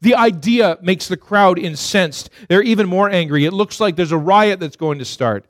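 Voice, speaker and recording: A man preaching a sermon as dramatic storytelling, swinging from loud, high peaks to hushed, low passages. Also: normal speed, no room sound, studio quality.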